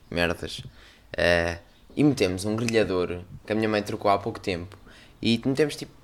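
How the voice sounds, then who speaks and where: A young man with a European Portuguese accent tells a story on a casual podcast, his voice sitting on the low side. He acts out the other people in the story, jumping into sudden loud bursts. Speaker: podcast host.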